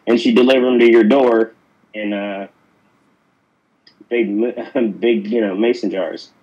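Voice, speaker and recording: Low-ish guy from pittsburgh rambling through a story, uh and you know everywhere, kinda dull muffled audio. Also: steady tone, unhurried, dark tone. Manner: rambling, lots of fillers and restarts. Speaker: actor guest. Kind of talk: casual interview storytelling.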